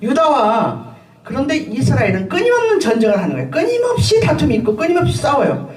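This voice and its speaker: Animated woman pastor preaching, echoey and distant. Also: sits high, quick pace. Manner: animated storytelling, laughing often, frequent fillers. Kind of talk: sermon with personal testimony. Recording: echoey room, voice from a distance, faint ambient noise.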